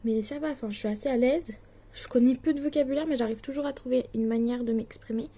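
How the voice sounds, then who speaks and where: Her voice sits on the high side, mellow and fast. She's a Swiss young woman in her late teens, a distance-learning student vlogger chatting casually to the camera about her studies, hesitant and filler-filled, with an anxious, self-deprecating streak.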